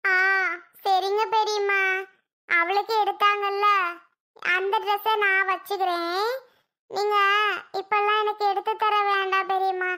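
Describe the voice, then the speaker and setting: A gentle, meek little girl in a cartoon, voiced by a woman. She answers softly and politely, her voice very high and bright. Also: little pitch movement, measured pace, long pauses, exaggerated voice. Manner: soft, yielding, polite. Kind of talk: cartoon voice acting.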